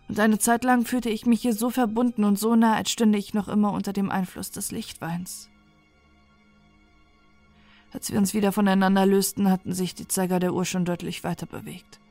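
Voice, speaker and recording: A woman narrating a science fiction horror story for falling asleep, in a soft, measured reading over faint music. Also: medium pitch, gravelly, no room sound. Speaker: audiobook narrator. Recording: dry close recording with faint music.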